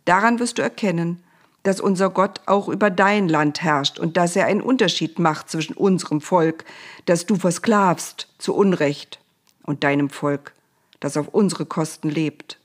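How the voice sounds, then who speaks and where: A woman's voice: fairly low pitch, moderate pace, close to an everyday voice. A woman voicing Moses, a stern, solemn male prophet, in a children's Bible storybook reading.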